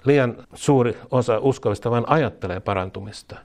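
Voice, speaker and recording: A man preaching a charismatic sermon, moving from conversational asides to loud, repeated declarations and spoken prayer. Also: mid-range voice.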